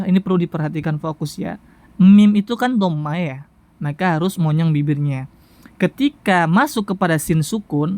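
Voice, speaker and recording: Quran recitation teacher, tajwid lesson, unhurried, repeats each sound several times, mid-pitched voice, dry recording. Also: darkish tone, dry recording. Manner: patient, repeats syllables slowly for practice.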